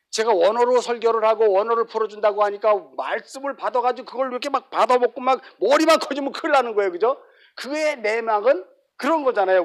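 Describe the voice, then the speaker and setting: A man pastor giving a sermon, acting out little quotes and dropping to soft asides. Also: extremely high pitch. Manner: lively, acts out everyday quotes, sudden drops to soft asides.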